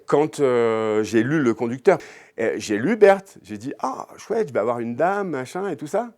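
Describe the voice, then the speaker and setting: A man's voice: mid-range voice, big pitch swings, moderate pace, a little mellow. A man hosting a TV talk show, chatty and playful as he interviews his guests. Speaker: host.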